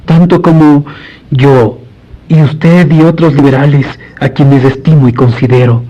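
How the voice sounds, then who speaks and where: In a radio drama, a man plays a devout, courteous priest, speaking formally and earnestly in a measured, pious manner with an earnest, pious mood. His voice is a little high, steady and dark. The recording is dull lo-fi radio audio.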